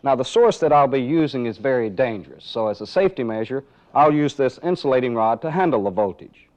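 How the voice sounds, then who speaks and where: This male training film instructor has a mid-range, slightly mellow voice with lively intonation and a slightly fast pace. He narrates a live demonstration methodically, step by step, posing rhetorical questions, in dull, band-limited 1980s audio.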